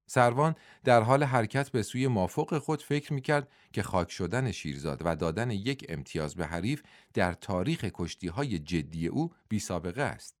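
A male narrator reads a novel in a steady storytelling voice. His pitch is low yet lively in its rise and fall. The recording is dry and close, with no room sound. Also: few pauses, no room sound. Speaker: audiobook narrator. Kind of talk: scripted narration.

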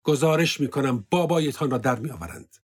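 A husky-voiced man voicing a hulking, furious male soldier who shouts accusations in a storybook reading. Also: mid-range voice, pitched above the performer's own voice, lightly acted.

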